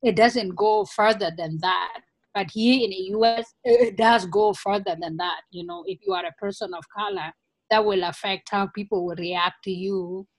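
Interview guest, woman, mid-pitched and reflective. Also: moderate pace, dry recording. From Africa. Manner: earnest, reflective, many "you know" fillers. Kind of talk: conversational interview.

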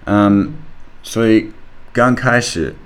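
Deep-voiced foreign man speaking slow Mandarin. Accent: foreign, non-native Mandarin. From Australia. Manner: halting, searching for words, simple learner phrasing. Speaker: podcast host. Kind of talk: casual personal monologue.

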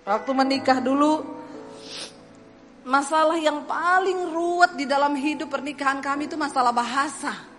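A woman's voice: high-pitched, normal speed. A woman from Sulawesi with a Sulawesi accent, preaching a sermon and animatedly acting out stories with humor. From Sulawesi, Indonesia. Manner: animated, acts out dialogue, laughs at her own stories. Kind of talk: sermon with humorous personal storytelling. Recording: echoey hall with faint music.

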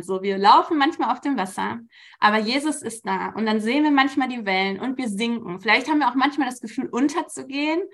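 A woman in her thirties giving a casual devotional talk at church, colloquial and relaxed, with frequent filler sounds. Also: a little high. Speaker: church speaker.

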